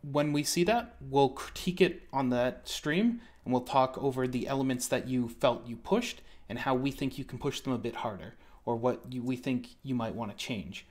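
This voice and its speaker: A man's voice: medium pitch, normal speed, hardly any pauses, a little mellow. A man co-hosting a casual online art critique stream, joking and rambling as he corrects himself mid-sentence.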